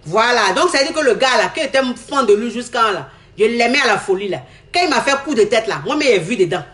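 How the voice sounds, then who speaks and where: A young woman telling her own love story candidly. She talks in an animated way, repeats her lines and acts out what others said. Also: a little high, quick pace. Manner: animated, repeats herself, acts out quoted talk. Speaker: woman giving a testimony.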